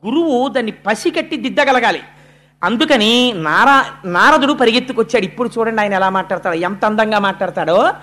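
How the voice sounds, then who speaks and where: A man's voice: high voice, brisk, pushed and bright. Male preacher telling a scripture story, theatrical narration. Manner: dramatic storyteller, acts out characters' speech. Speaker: religious discourse speaker. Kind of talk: devotional storytelling sermon.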